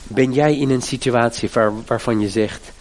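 A man's voice: mid-range voice, normal speed. A middle-aged man preaching a sermon, with fervent, emphatic appeals to his listeners. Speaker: pastor.

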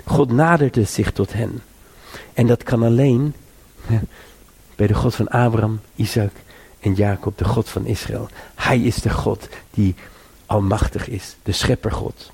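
A man's voice: on the low side, fairly even intonation, unhurried, vocal fry, a little mellow, breathy edge. A man preaching a sermon, earnest and exhorting, repeating phrases and rising to urge listeners.

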